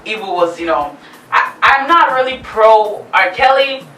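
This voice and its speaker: A woman's voice: on the high side, lively intonation, unhurried, sharp tone, reverberant, far from the mic, low-quality recording. Argumentative woman talk show host. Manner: argumentative, pushes back emphatically. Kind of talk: casual debate chat.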